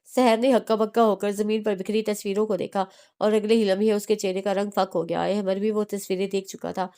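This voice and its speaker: A woman's voice: mid-range voice, level tone, brisk, warm tone, clear, resonant tone. A woman narrating a romance novel as an audiobook, reading steadily with small restarts.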